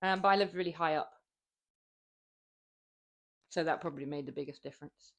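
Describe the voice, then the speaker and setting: She has a deep voice and a brisk delivery. A young woman from southern England with a southern English accent, she's a fitness streamer who chats casually with viewers while lifting weights, rambling and laughing often.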